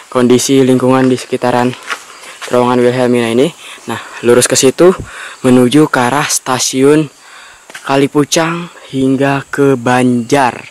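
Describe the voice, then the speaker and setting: A man's voice: mid-range voice, darkish tone, a little hiss or hum. A man hosts an on-location travel vlog, explaining things and repeating facts for emphasis. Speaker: vlog host. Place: outdoors by a railway tunnel mouth in forested hills.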